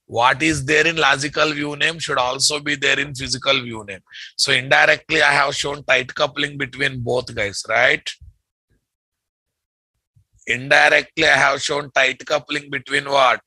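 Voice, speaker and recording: A man with a Telugu-accented Indian English voice teaches a technical class. His tone is very bright and penetrating, with some gravelly creak. He takes his time, repeats terms emphatically and keeps putting questions to his listeners. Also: medium pitch, fairly even intonation, measured pace, no room sound, rough recording. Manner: emphatic, repetitive, quizzes listeners with tag questions. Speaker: programming instructor.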